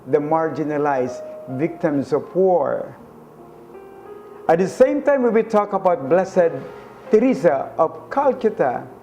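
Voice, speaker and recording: Slow, earnest male preacher. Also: fairly high pitch, dark tone. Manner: slow, earnest, emphatic with rising stresses. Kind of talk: sermon-style reflection.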